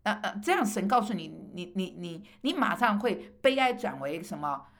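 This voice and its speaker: A woman's voice: medium pitch, big pitch swings, moderate pace. A middle-aged woman preaching a personal sermon, emphatic and rising on rhetorical questions, with hesitant fillers as she tells her story.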